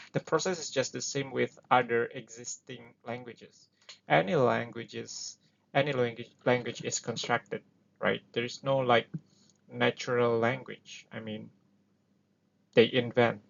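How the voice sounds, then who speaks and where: On a dull lo-fi recording, an Indonesian-accented man hosts an explainer in English, which is not his first language. His gravelly mid-range voice stays level and runs a little slow as he casually and hesitantly talks through ideas, leaning on lots of fillers.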